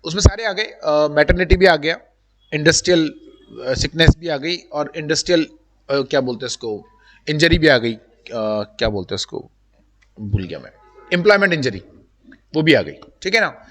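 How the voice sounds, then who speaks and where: High-voiced male teacher in an echoey classroom. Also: lively intonation, normal speed, pauses often, fairly bright tone. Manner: chatty, talks directly to students, mixes in English terms. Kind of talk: live classroom lecture. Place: classroom with students. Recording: long room reverb.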